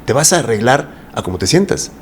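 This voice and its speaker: Very animated and brisk, a mid-range male voice with a little hiss or hum comes from a voice coach with a Mexican Spanish accent. He's a guest in a casual interview, speaking at length and often asking rhetorical questions.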